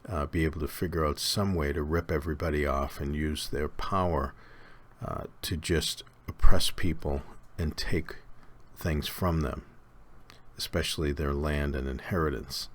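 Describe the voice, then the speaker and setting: A man with an extremely low voice gives a Bible study lecture. He talks at an easy, conversational pace, pausing with fillers and restarting phrases as he explains. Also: fairly even intonation. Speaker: Bible teacher.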